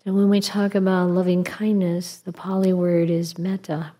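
A woman leading guided meditation as a teacher, in a calm, gentle meditative manner with long pauses and a soft, slightly husky voice. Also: fairly low pitch.

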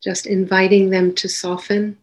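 A woman teaching meditation guides listeners at medium pitch in a level tone. Her instructions are soft and unhurried, with long silences between phrases.

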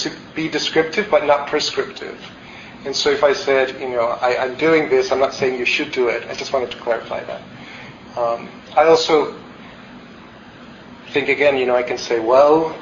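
This dharma talk comes from a meditation teacher in his forties from El Salvador, candid and reflective, with frequent fillers and restarts. His voice is medium-pitched and a bit bright, and the roomy, slightly dull hall recording carries slight background noise.

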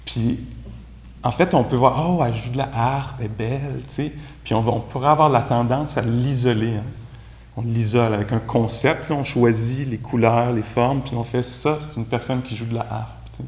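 A man's voice: medium pitch, steady tone, moderate pace, darkish tone. Casual Quebec-accented man teaching Buddhism. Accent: Quebec French. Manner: casual, conversational, many "tu sais" fillers. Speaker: meditation teacher. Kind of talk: dharma talk. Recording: echoey room, faint background noise.

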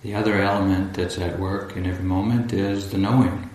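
Leading a guided meditation in a spacious, echoing retreat room, a deep-voiced teacher keeps his words calm and measured. Short phrases alternate with long pauses. The recording picks up the room's echo and faint background noise.

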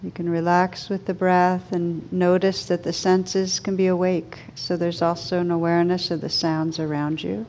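In a lowish, level voice, a meditation teacher guides her listeners softly and calmly, leaving unhurried gaps between brief phrases. A little background noise can be heard.

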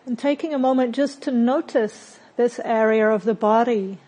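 Her voice on the high side, a woman teaching meditation leads a body scan. She's calm and gentle, pausing at length between short phrases.

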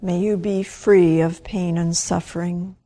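In a slightly low voice, a woman working as a meditation teacher leads a guided session with fairly even intonation. Her gentle, very slow delivery comes in brief phrases, each followed by a long, unhurried pause.

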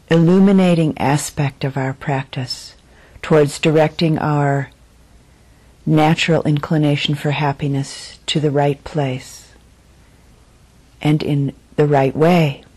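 With a low, mellow voice, this female meditation teacher leads a guided dharma talk at a very slow, unhurried pace. Her phrasing is deliberate, broken by frequent pauses. The audio is slightly rough.

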